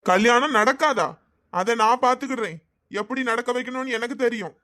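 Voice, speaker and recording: A man's voice: extremely high pitch, fast, a bit bright. A man voicing a possessive, scheming young groom in a cartoon, with a Thoothukudi Tamil accent and an insistent way of talking. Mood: defiant. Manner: pleading then menacing, insistent. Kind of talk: cartoon voice acting.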